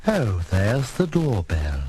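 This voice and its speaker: A man's voice: fairly low pitch, wildly swooping pitch, slow, heavily acted. A man playing a ghoulish, cheerfully creepy monster-maker host in a mock-genteel, theatrical manner on a 1960s comedy record. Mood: creepy welcome. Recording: noisy old 1960s record.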